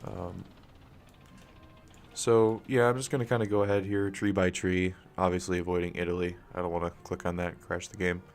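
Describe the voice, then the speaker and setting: A young gaming streamer chats casually on a live stream from his room at home, keeping his voice down because his family is asleep. He has just woken up and sounds raspy, with a low pitch, flat delivery and normal speed. He rambles loosely, swears a lot and fills the talk with fillers and coughs, sitting close to a desk microphone.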